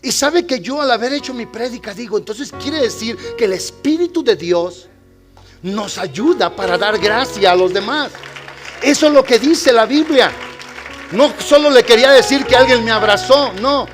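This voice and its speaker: High-voiced preaching man. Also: animated, normal speed, over music. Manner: swings between loud preaching and quiet storytelling. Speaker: pastor. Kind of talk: sermon. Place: church.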